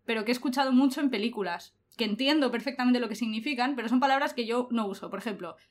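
Lively high-voiced woman. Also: fast. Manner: animated, laughs often, colloquial. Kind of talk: casual chat.

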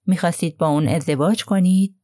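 Polite, probing older detective read by a woman, measured questions, dry close voice. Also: fairly low pitch, dark tone, no room sound, lightly acted.

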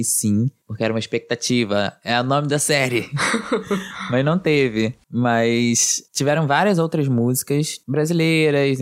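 A man's voice: medium pitch, dry recording, clean studio sound. A Brazilian man hosting a podcast in a casual, chatty style. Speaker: podcast host. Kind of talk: casual podcast chat about TV series.

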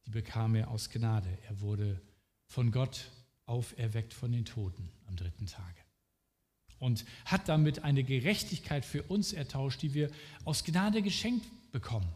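A man preaching a sermon at a slow, deliberate pace, speaking earnestly and directly to the listener. His voice sits at an ordinary pitch and rings with a long reverberant tail. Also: darkish tone.

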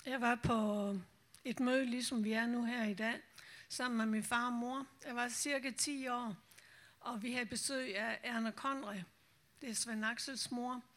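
A woman missionary telling the story of her calling at a church meeting, a lively storyteller who acts out the voices she remembers. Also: on the high side. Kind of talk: personal testimony told to a church meeting.

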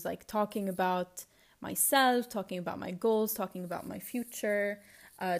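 A woman's voice: mid-range voice, a little mellow. A woman with a Lebanese accent, partly Americanized, talks as a solo podcast host in a casual, confessional, reflective and rambling way.

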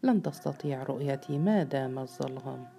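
An ancient giant of a grandfather speaks calmly and solemnly out of the dark, as a woman reads him. The tone is low and very warm. It is read from a storybook. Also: a little fast, creaky, exaggerated voice.

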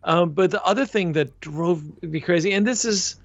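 A man's voice: high voice, normal speed, no room sound. Rambling man with a dull lo-fi sound. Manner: rambling, frequent restarts and fillers. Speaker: podcast co-host. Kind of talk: casual chat.

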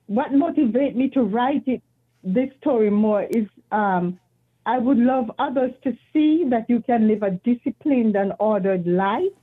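A woman, a guest author answering interview questions in an earnest, measured, devout way. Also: a little high, breathy edge. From Jamaica. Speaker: author and retired teacher, guest. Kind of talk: interview answers over a call. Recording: tinny phone-line audio.

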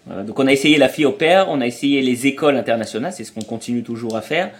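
A middle-aged traveling parent, interviewed as a guest, races through his explanations and anecdotes in a mid-range voice. The tone is informal and chatty, marked by hesitant restarts.

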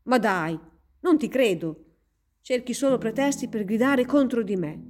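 A woman's voice: medium pitch, very animated, measured pace, a little mellow, faint music behind. A woman voicing a rebellious nineteen-year-old daughter who talks back with a raised, protesting voice. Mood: defiant.

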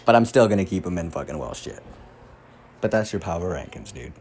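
A man's voice: sits low, animated, fairly quick, darkish tone, a little hiss or hum. A man hosting a casual solo fantasy football podcast from a room at home, rambling and swearing freely as he gets sidetracked. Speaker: podcast host. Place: room at home, door nearby.

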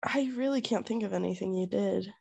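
A woman's voice: mid-range voice, a little fast, creaky, darkish tone, no echo. A woman co-hosting a podcast in casual chat, telling stories and teasing her friend with plenty of swearing. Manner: profane, teasing, storytelling. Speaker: podcast co-host.

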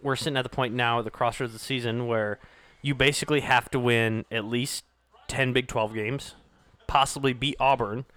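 A man co-hosting a casual sports podcast, excitable and swearing, reacting out loud to plays. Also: medium pitch, moderate pace, no room sound. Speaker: podcast co-host. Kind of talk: casual podcast chat with live game reactions.

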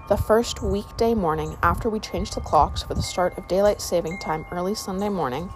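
A woman narrating a sleep story, reading aloud in a calm, soothing way. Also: medium pitch, noisy background.

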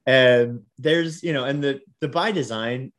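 A man talks loosely about film and TV as one of a podcast's co-hosts. His voice sits at an ordinary middle pitch. He laughs often and drifts into rambling asides. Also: unhurried, a bit bright. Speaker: podcast co-host. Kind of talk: casual chat about TV and film.

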